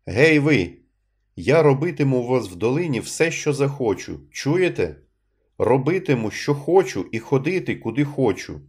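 A man voicing a cornered man shouting in rage. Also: lowish voice, moderate pace, hardly any pauses. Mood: defiant shouting. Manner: shouting, strained and raging. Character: desperate cornered sighted man, furious and frightened.

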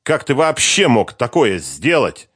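A man's voice: medium pitch, huge pitch swings, a little slow, fairly bright tone, husky, no echo, studio quality, exaggerated voice. A man voicing a hurt, accusing young woman who confronts her former lover with pressing questions.

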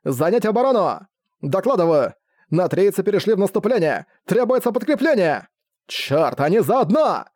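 A man voicing panicked adult army officers who shout urgent reports and orders, in an audiobook. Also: high-pitched, very animated, normal speed, dry recording, clean studio sound, pitched above the performer's own voice. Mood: alarmed.

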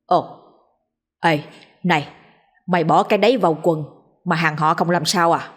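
A woman's voice: lowish voice, normal speed, lightly acted. A woman voicing a bewildered middle-aged father who stammers in disbelief in a storybook tale.

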